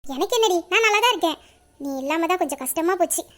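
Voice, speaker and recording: A woman plays a fond older sister with a high, soft voice. She speaks gently and soothingly, full of affection. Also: expressive, fast. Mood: tender.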